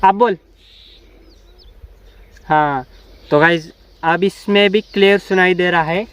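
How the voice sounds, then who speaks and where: Guy with a high voice doing a diy cup phone test outside, yelling directions to his buddy across the field. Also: steady tone, takes it slowly, clear, resonant tone. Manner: calls out loud instructions to a helper far off. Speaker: vlogger testing a homemade cup phone. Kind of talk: casual outdoor demo vlog. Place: outdoors in a rural open field. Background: faint background noise.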